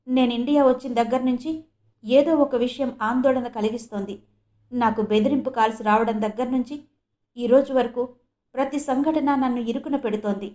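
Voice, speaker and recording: A woman's voice: a little high, warm tone, lightly acted. Woman reading as a fiery young woman. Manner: urgent, pleading.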